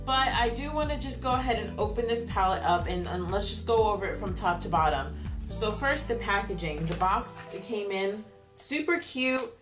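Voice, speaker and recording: A woman's voice: medium pitch, moderate pace. A young woman vlogger talking through a makeup tutorial and palette review, explaining each step in a chatty way. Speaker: beauty vlogger. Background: soft background music.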